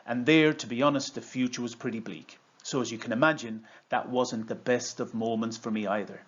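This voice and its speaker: Casting: Irish man, 50s, mid-pitched, measured storytelling presenter and trainer, slightly dull lo-fi recording. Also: steady tone, a bit bright. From Ireland. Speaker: coach and trainer. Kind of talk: prepared video presentation with storytelling.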